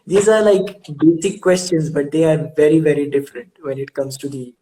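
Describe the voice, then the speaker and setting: In a laid-back video-call interview with an old school friend, a young male host with a slightly high voice and dark tone keeps a steady, moderate pace. Frequent laughter, hesitations, and repeated-word stumbles mark his questions, and the poor audio carries a little hiss or hum.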